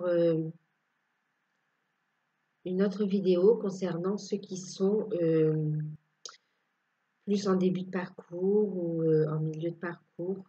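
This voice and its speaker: Woman tarot reader, unhurried and halting, husky tone, dull lo-fi recording. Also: on the low side, dark tone. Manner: hesitant, many fillers and restarts. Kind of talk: casual spoken tarot reading.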